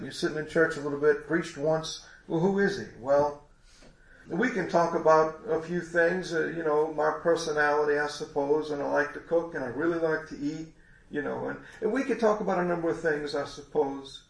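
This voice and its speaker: A man's voice: a little high, fairly even intonation, moderate pace, creaky, reverberant. A congested man preaching a sermon in a folksy, rambling way with many restarts.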